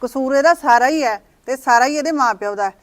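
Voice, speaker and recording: An actress playing a sharp-tongued mother-in-law who nags and scolds her daughter-in-law, in a village short-film drama. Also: high-pitched, fast talker, lightly acted. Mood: scolding. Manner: scolding, nagging.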